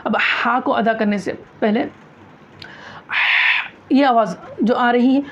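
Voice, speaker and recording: A woman's voice: on the high side, steady tone, takes it slowly, slight background noise. A woman teaching a recitation class, asking questions, answering them herself and repeating key phrases. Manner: demonstrates sounds aloud, loud and drawn out. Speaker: tajweed teacher. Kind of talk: classroom lesson on Quran recitation. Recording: dull lo-fi classroom recording.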